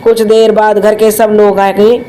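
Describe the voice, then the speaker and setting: A woman storyteller reading a family drama aloud in a steady, dramatic way, in a storybook narration style. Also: medium pitch, unhurried, slight background noise.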